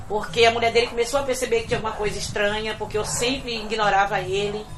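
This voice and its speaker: Speaking in a medium pitch, a domestic worker from Bahia in middle age shares her life story, sincere and thoughtful, frequently letting her words fade away softly.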